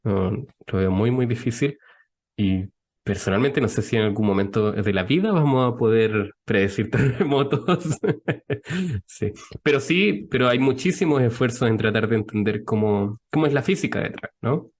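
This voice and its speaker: A young man with a Chilean accent talks as a podcast guest. He explains things patiently and thoughtfully. His voice sits at an ordinary middle pitch. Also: normal speed, a little mellow. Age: young adult. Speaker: guest scientist. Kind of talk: podcast interview.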